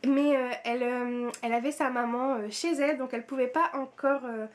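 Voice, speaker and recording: A woman's voice: high-pitched, steady tone, a little fast, a little hiss or hum. A woman with a French accent chatting casually about her month's reading for her book vlog, repeating words for emphasis with many fillers. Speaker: book vlogger.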